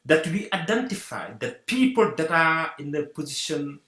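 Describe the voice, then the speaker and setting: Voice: mid-range voice, normal speed, background noise. Guest, earnest and rallying, voice swinging widely, roomy echo. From Senegal. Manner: animated, repeats rallying phrases. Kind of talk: earnest community talk.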